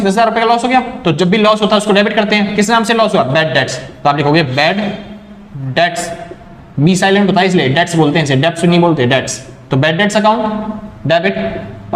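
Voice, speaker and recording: Male accounting teacher, higher voice, quizzes himself step by step, roomy echo. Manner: explains step by step, asks and answers his own questions. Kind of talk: accounting lecture.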